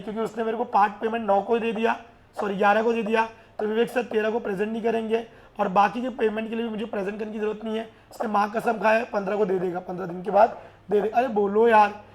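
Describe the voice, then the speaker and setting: A man teaching a class in a lively way, often urging his students to answer and mixing English terms into his speech. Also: high-pitched. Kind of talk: classroom lecture.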